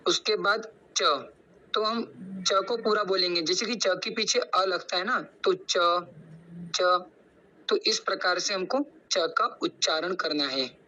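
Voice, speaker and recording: A man's voice: high-pitched, bright, forceful tone, slight background noise, low-quality recording. A young man on a video call in an online class, carefully teaching Sanskrit pronunciation and drawing out each syllable to repeat it. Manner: slow, drawn-out syllables repeated for practice. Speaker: student explaining Sanskrit pronunciation.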